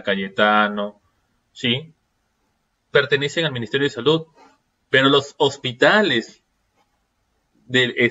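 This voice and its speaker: Lecturer, male, mid-pitched voice, questioning teaching style, dull lo-fi sound. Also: bright, forceful tone. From Peru. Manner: rhetorical questions, frequent checking "¿sí?". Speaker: seminar lecturer. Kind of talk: online seminar lecture.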